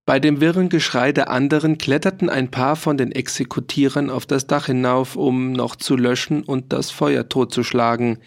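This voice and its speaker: A man reading a historical novel aloud at a slow, measured pace, voicing the characters' lines. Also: medium pitch, fairly even intonation, gravelly. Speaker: audiobook narrator. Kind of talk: scripted narration of a historical novel.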